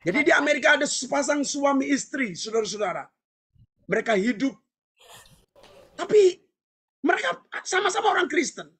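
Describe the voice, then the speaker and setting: Seorang pendeta pria menyampaikan khotbah dengan penuh semangat, sering berseru dan tertawa di sela poin. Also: male voice, very high-pitched, normal speed, pauses often. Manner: animated, shouting and laughing between points. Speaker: pastor. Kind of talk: sermon.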